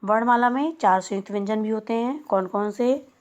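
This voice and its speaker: A woman teacher giving a recorded lesson to young schoolchildren, speaking slowly and spelling out each sound one by one. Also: fairly high pitch, darkish tone. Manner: slow, explanatory, spelling out sounds. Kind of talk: recorded class lesson for children.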